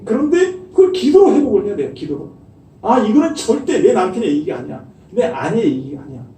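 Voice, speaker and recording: A middle-aged man preaching a sermon as pastor, animated and acting out the voices he quotes. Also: high voice, a little fast, far from the mic. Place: church sanctuary. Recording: echoey church hall miked from afar.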